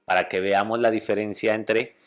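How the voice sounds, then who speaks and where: A man with a Spanish accent, a psychologist calmly explaining communication and often checking that listeners follow. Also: lowish voice, normal speed. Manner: calm, explanatory, checks understanding with "¿vale?".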